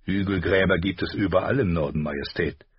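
A man's voice: deep voice, slightly rough, dry recording, highs cut off. A man voicing a stern, reserved lord who speaks coolly and with restraint. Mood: restrained. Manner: cool, measured, restrained.

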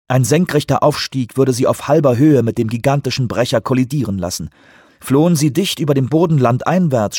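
A man narrates a thriller audiobook in a measured, tense manner, with a husky tone at a middle pitch. The booth recording is dry and close, with no room sound. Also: a little mellow, no echo. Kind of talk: scripted narration.

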